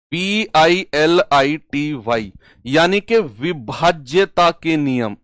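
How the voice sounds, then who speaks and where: A man's voice: medium pitch, dry recording, clean studio sound. Man teaching maths, repeating key terms. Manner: repeats key terms slowly, asks and answers own questions. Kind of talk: online class lecture.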